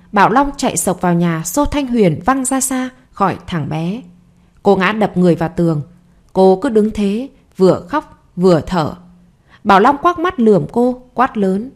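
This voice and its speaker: A woman narrating a scripted audio story in a gentle, emotive reading voice. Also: mid-range voice.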